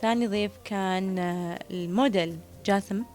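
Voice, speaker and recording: A woman's voice: mid-range voice, moderate pace, darkish tone, soft background music. A woman, co-hosting a casual chat and listing past guests in a matter-of-fact way. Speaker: co-host.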